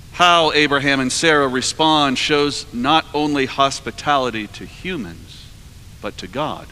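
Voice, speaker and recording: A man in his forties preaching a sermon from a cathedral lectern, measured and earnest, his phrases trailing off softly at the ends. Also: mid-range voice. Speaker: priest preaching. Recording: long cathedral reverb.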